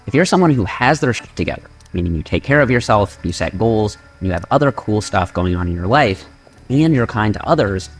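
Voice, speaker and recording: A man narrating a scripted fitness explainer in a measured, data-driven way. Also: lowish voice.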